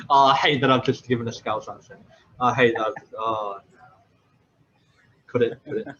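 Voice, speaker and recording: A man's voice: medium pitch, steady tone, moderate pace, pauses often, a bit bright, breathy edge, muffled recording. A man in his twenties, a football coach hosting a podcast, telling stories in a rambling casual way with many fillers. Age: 20s.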